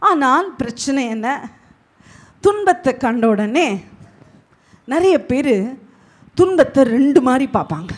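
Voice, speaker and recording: A woman pastor preaching a sermon with emphatic delivery, swinging between loud and hushed. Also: high voice, very animated, a little slow, long pauses. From Tamil Nadu, India.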